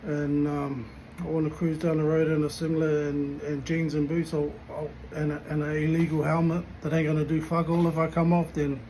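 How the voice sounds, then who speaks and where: A man's voice: fairly high pitch, flat delivery, brisk, dark tone, a little hiss or hum, poor audio. A man giving a casual, blunt rant to camera in sweary slang. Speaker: motorcycle vlogger.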